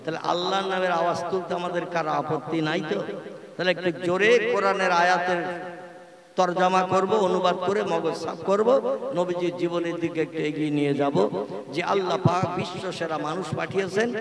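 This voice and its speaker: A man's voice: high voice, steady tone, fairly quick, fairly bright tone. A man preaching a sermon to a big gathering, joking and quizzing the listeners. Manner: humorous, questions the crowd. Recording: echoey hall, crowd noise.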